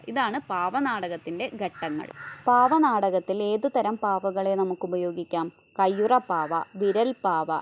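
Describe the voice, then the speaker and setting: A woman's voice: mid-range voice, slight background noise. A woman teacher giving an exam revision lesson, asking questions and answering them herself point by point. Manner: explains point by point, asks and answers her own questions.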